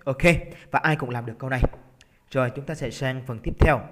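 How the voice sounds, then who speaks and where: A Vietnamese man teaching an English exam-prep lesson. He is lively and coaxing, drags out words slowly to show the stressed syllable, and keeps checking in with his students. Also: medium pitch, background noise. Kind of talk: exam-prep lesson, explaining test answers. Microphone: computer recording while drawing on screen.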